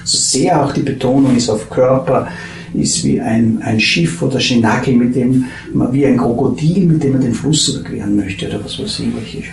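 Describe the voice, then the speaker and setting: Casual: guy rambling about spirituality, kinda gravelly, lots of trailing off, echoey room. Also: medium pitch, a little hiss or hum. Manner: halting, searching for words, drifts from soft murmurs to animated bursts. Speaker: spiritual teacher. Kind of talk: meandering spiritual talk. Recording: echoey room with faint ambience.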